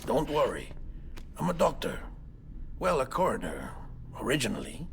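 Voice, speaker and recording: A man's voice: medium pitch, wildly swooping pitch, moderate pace, vocal fry, a little hiss or hum. A man playing an affable, eccentric coroner turned doctor in a game cutscene, conversational and drily wry. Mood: wry, reassuring. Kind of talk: video game cutscene acting.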